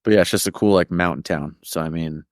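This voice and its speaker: A man's voice: low voice, fast talker, no room sound, studio quality. A man from Colorado as a podcast guest in casual chat, easygoing and slangy. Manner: easygoing, laughs often, slangy.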